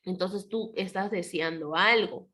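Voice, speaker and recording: A woman teaching a primary school class over a video call, patiently asking the children questions and often clearing her throat. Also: fairly low pitch, a little slow, bright, forceful tone. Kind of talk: online class lesson.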